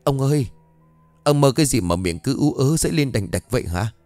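A man's voice: medium pitch, expressive, a little fast, mellow, no echo, faint music behind, natural voice. A man voicing a frightened older wife who scolds her husband out of worry. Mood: fretful. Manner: scolding, fretful.

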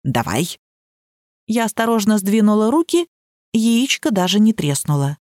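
A woman narrating a novel in an even, measured reading voice, close to the mic. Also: medium pitch, dry recording. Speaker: audiobook narrator. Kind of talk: scripted narration.

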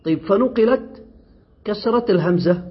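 A man teaching an Arabic grammar lesson, reading a passage aloud and then explaining it slowly with questions to his students. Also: sits high, animated, slightly rough. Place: classroom or study circle. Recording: dull lo-fi classroom recording.

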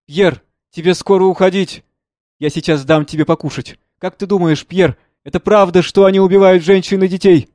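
A man's voice: sits high, fairly even intonation, moderate pace, darkish tone, no echo, studio quality, pitched above the performer's own voice, lightly acted. A man reading a play aloud, voicing an anxious wife and mother who speaks in a pleading way. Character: wife and mother, anxious, strangely distracted woman.

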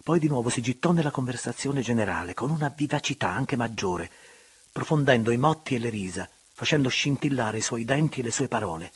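Husky male audiobook reader. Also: medium pitch. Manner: expressive and measured. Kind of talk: literary audiobook narration.

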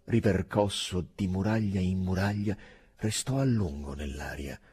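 Husky, expressive male audiobook narrator. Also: deep voice, measured pace. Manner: expressive, wide-ranging delivery. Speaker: audiobook reader.

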